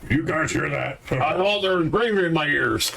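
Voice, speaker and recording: A man's voice: on the high side, expressive, normal speed, gravelly, pushed and bright. A man playing a tabletop game, bantering jokily and dipping into casual role-play. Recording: noisy room with clicks.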